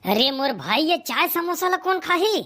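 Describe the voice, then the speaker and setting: A voice actor playing a calm village friend in a cartoon comedy, soothing and coaxing in a Chhattisgarhi accent. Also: extremely high pitch, moderate pace, background noise. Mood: pleading.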